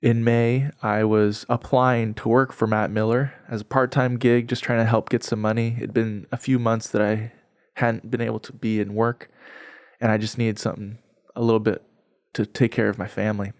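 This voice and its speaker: A man's voice: on the low side, little pitch movement, moderate pace, darkish tone, no echo, clean studio sound. A young adult man, a podcast guest, telling his personal faith story in an earnest, heartfelt, conversational way, often saying "like".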